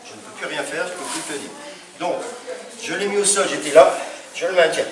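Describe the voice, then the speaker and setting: A man's voice: fairly high pitch, a little fast, a crowd in the background. A man teaching a self-defense class, explaining holds step by step while demonstrating on a partner. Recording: echoey hall, distant mic, noisy.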